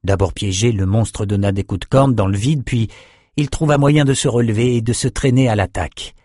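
A man reading a fantasy audiobook in a steady, measured storytelling voice. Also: on the low side, no echo, studio quality. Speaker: audiobook narrator. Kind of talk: scripted narration.

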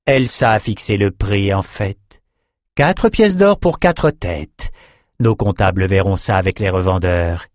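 A measured chief sorcerer, as a male narrator puts him on, close to his own voice and diplomatic. The recording is dry and close. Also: low-pitched, little pitch movement, no echo, lightly acted.

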